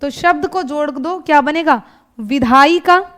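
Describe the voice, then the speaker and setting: High-voiced woman teaching grammar. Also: measured pace, a bit bright. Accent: Hindi, North Indian. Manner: explains step by step, asking rhetorical questions; often adds checking tags like "thik hai" and "hai na". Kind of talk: exam-prep grammar lesson.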